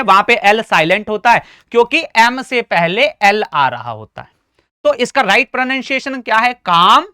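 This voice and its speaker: A man teaching a spoken class, quizzing the class, answering his own questions and spelling words out slowly letter by letter. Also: high voice, bright, forceful tone, clean tone, no echo, clean studio sound. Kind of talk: classroom lesson.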